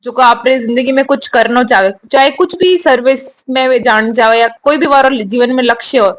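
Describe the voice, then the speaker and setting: A young woman with a bright, high voice answers interview questions. She speaks in a steady, earnest way and gives advice. Her tone is sincere and unhurried. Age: young adult. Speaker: newly commissioned army officer, interviewee.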